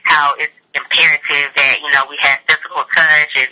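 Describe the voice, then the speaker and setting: Woman on a phone call, really bright forceful voice, casual interview chat, says like a lot. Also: sits low, flat delivery, brisk. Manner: informal, peppers speech with "like". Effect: voice over the phone. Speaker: sex educator interviewee. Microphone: telephone call.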